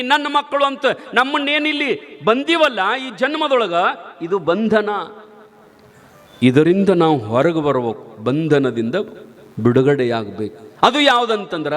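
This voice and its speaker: A man's voice: very high-pitched, pushed and bright. A middle-aged man with a North Karnataka Kannada accent giving a spiritual discourse, mixing chanted verse with folksy, humorous stories. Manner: sing-song verse recitation mixed with folksy storytelling. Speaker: preacher.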